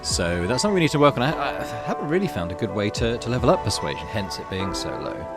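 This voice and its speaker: Over game music, a man with a lowish, sing-song voice hosts a gaming playthrough at a fast clip. He alternates between offhand commentary and reading the story narration aloud.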